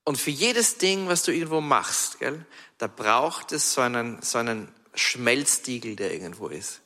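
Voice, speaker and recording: A man preaching a sermon, telling stories in a chatty, lively way with frequent restarts and asides. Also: mid-range voice, moderate pace. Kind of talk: storytelling sermon. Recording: long hall reverb.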